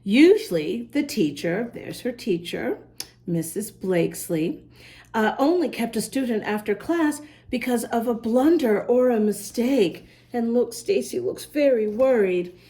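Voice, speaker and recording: Reading a picture book aloud to young children, this woman speaks to them directly in a highish, unhurried voice. She's animated as she hosts, carefully sounding out words and spelling some letter by letter.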